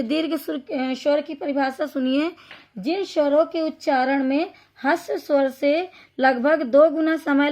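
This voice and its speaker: A woman's voice: high-pitched, a bit bright. A woman teacher giving a Hindi grammar lesson, patiently repeating each point and addressing the listener as a child.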